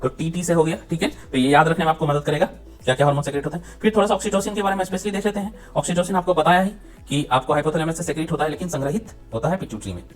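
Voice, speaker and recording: Fast-talking male biology teacher. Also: on the high side, faint music behind. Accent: Hindi mixed with English terms. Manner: repeats points, ends phrases with frequent checks for understanding. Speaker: exam-prep teacher. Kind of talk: explaining biology lesson for exam students.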